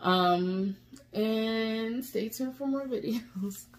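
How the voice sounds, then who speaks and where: A woman's voice: on the high side, very slow, over loud music. A woman vlogger talking tearfully and from the heart, rambling and encouraging her viewers after reacting to a song. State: tearful, emotional. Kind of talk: emotional casual vlog talk.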